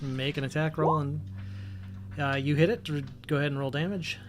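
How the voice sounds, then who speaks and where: A man's voice: a little high, fairly even intonation, a little fast, background noise. A man acting as game master, describing scenes and rulings while thinking aloud. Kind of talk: running a tabletop game online.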